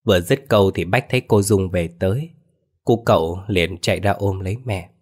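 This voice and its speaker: Guy telling a ghost story, lowish voice, folksy. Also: moderate pace, a little mellow.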